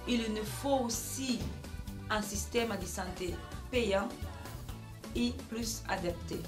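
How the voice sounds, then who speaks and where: A woman from Belgium giving interview answers at a very slow, deliberate pace, often pausing with hesitations. Her pitch sits in the middle range. Clear background music plays under her voice. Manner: slow, measured, with frequent hesitations. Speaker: political candidate.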